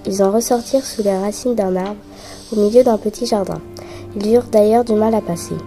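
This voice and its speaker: A woman narrating a children's adventure story aloud in a lively, brisk storytelling manner. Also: mid-range voice, faint music behind.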